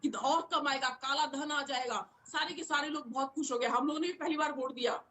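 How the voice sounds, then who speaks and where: High-voiced woman arguing hotly. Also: brisk, sharp tone, a little hiss or hum, rough recording. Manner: argumentative, repeats words and restarts often. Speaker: political party spokesperson. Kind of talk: heated televised political debate.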